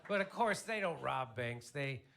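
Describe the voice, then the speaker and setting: Wry middle-aged stand-up comic from Chicago. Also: male voice, mid-range voice, animated, unhurried, gravelly, a crowd in the background, background noise. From South Side of Chicago. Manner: wry, conversational delivery that slips into quoted voices for characters. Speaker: stand-up comedian. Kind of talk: stand-up comedy routine. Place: comedy club stage before a live audience.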